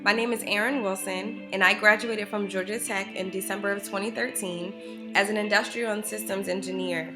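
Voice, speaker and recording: A woman's voice: mid-range voice, steady tone, moderate pace. A woman in her twenties, a graduate, speaking in an earnest, encouraging way to current students. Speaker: alum, supply chain coordinator. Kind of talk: motivational testimonial. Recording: music bed under speech.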